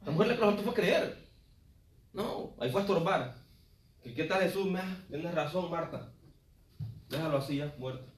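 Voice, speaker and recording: Drifting away from a distant microphone, this pastor's high voice rings through a roomy, echoing sanctuary at a moderate pace with long pauses. He preaches expressively, shifting between loud exclamations and low asides and repeatedly addressing the congregation as "hermano."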